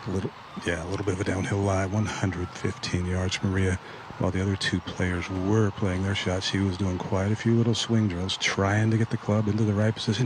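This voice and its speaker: Male golf commentator, lowish voice, analytical and emphatic live commentary, clear outdoor noise behind.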